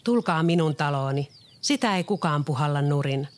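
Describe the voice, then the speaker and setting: A storyteller voicing a wise, hardworking little pig in a storybook read-aloud, calm and scolding. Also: medium pitch, close to an everyday voice. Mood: self-assured. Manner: calm, scolding, self-assured.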